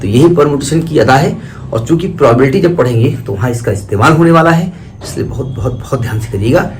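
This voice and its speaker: A man's voice: medium pitch, lively intonation, fast, a little hiss or hum, rough recording. A man teaching a maths lesson to students, explaining step by step in a conversational way, correcting himself and repeating points for emphasis. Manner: conversational Hindi-English mix, repeats and corrects himself, urges care.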